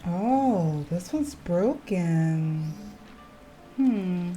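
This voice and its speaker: A gaming video host casually comments on a game while playing, chatty and playful, reading its text aloud. Her fairly low voice is mellow with lively intonation and a very slow pace, and faint game music plays in the background.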